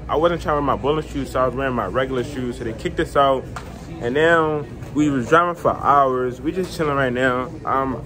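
A young man chats loosely into a phone held at arm's length, his speech full of slang and fillers. He keeps the easygoing tone of a casual selfie vlog. Loud music plays behind him, with an outdoor, street-like ambience. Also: medium pitch. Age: young adult. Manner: laid-back slangy chatter with many fillers. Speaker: vlogger. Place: indoor trampoline park. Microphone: phone camera at arm's length.

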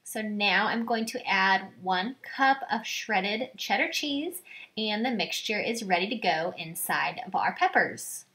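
A young woman demonstrates a recipe step by step in her home kitchen, cheerful and matter-of-fact, as a cooking vlogger. Her mid-range voice is animated, unhurried and sharp in tone. A camera some distance away captures it, along with kitchen echo and a faint hum.

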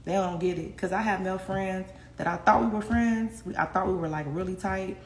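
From her echoey home kitchen, a young woman livestreams on a phone held at arm's length, talking candidly with viewers, laughing often and cursing freely. Her mid-range voice is brisk and slightly mellow. Faint noise runs in the background.

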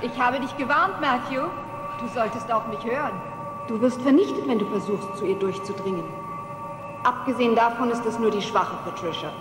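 An actress plays a menacing film temptress with a high female voice. She is imperious and theatrical, seductive and full of scorn. Music plays behind her in a long, echoing reverb. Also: normal speed, lightly acted. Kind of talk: dubbed horror film acting.

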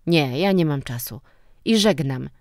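A woman's voice: on the low side, big pitch swings, unhurried, no echo, studio quality, pitched above the performer's own voice. A woman reading a story voices a stern, mocking middle-aged man, a school director who scolds and lectures. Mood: scornful.

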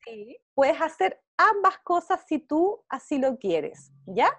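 Lively high-voiced Chilean woman teacher. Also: slow pace, no echo. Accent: Chilean Spanish. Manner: encouraging, checks in often with "¿ya?". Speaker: visual arts teacher. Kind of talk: online class to young pupils. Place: home, over a video call. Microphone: video call.

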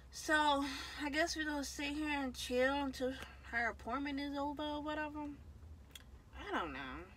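A woman's voice: sits high, expressive, normal speed, a bit bright, a little hiss or hum, rough recording. A young woman chatting casually to her viewers from a parked car, often trailing off with "so, yeah" and sinking into a mumble. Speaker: vlogger. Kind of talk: casual vlog chat. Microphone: phone camera held close.

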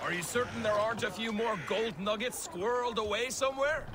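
A man's voice: high-pitched, a little fast, background noise, natural voice. A man voicing a teasing, doubtful Viking crewman in video game dialogue.

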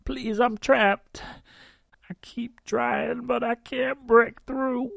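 A man playing a desperate trapped woman, high pleading cries, audiobook reading. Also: steady tone, very slow, gravelly, no echo, exaggerated voice.

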